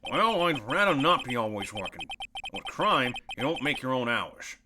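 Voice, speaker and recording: A man's voice: mid-range voice, sing-song, normal speed, noisy background, natural voice. Man doing a grumbling good-natured police detective. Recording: game music playing behind.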